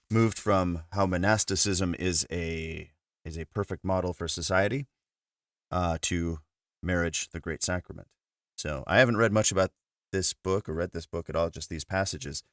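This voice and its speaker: Deep-voiced man reading a spiritual text. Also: no echo, clean studio sound. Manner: measured, earnest reading with a quiet, offhand intro. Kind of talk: casual spoken intro, then reading a spiritual book aloud.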